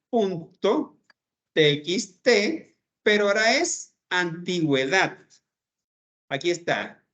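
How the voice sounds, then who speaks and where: Slow, lively-voiced man teaching code. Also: sits high. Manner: slow, step-by-step explaining, checks in with "¿verdad?". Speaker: programming teacher. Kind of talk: screen-recorded coding lesson.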